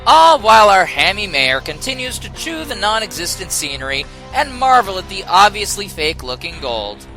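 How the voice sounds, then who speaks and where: A man's voice: high-pitched, very animated, normal speed, over music, low-quality recording. A man narrating a scripted comedic video game review in a sarcastic, exasperated way.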